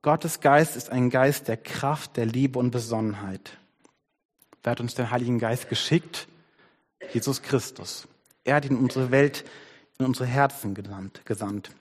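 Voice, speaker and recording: A man preaching a conversational sermon on his worship team's behalf, shifting his pace and dropping to soft tones. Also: mid-range voice, a little slow, in a large hall. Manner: conversational, varies pace, softens to near-whisper. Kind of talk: sermon with a storybook reading.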